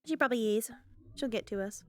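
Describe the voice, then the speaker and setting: A woman's voice: a little high, fast talker. A woman with a Southern accent, chatting casually and playfully, giggling often. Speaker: streamer. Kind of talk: casual out-of-character chat.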